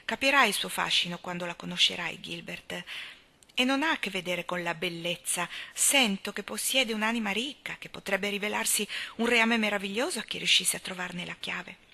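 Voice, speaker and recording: A woman's voice: medium pitch, normal speed, creaky. A woman voicing a cheerful, dreamy young newlywed, speaking lightly with laughs in her voice. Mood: thoughtful. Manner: lively, laughing.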